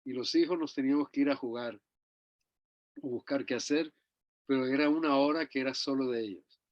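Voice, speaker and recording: An older Chilean man, appearing as an interview guest, reminisces about his parents in a brisk, mid-range voice, often closing phrases with a tag question. His storytelling rambles, and the close recording sounds dull and dry.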